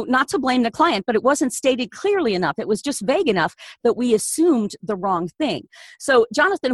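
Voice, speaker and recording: A woman's voice: mid-range voice, no room sound, studio quality. A woman hosting a podcast, framing the topic and asking her guest questions in a conversational way. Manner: lively, conversational, quick to affirm. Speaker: podcast host.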